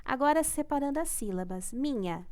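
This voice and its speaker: A young primary school teacher with a Brazilian Portuguese accent patiently reviews homework in a recorded class, speaking at a moderate pace in a high, animated voice. She draws out her syllables and often ends phrases with "tá?" to check in.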